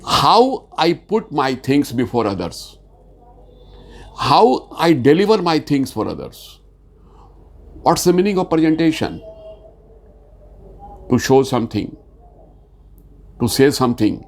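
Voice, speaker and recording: Pitched on the high side with big swings, this man's voice leads an insurance training presentation. He's from Bihar, India, and speaks Indian English with a Hindi accent, slow and hesitant, dropping frequent "uh" fillers and lifting his voice on the key points.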